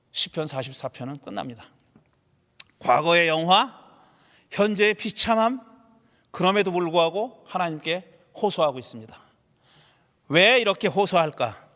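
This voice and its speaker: A man preaching a sermon as a pastor, animated, voicing laments and rhetorical questions. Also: a little high. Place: church sanctuary. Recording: church hall with long reverb.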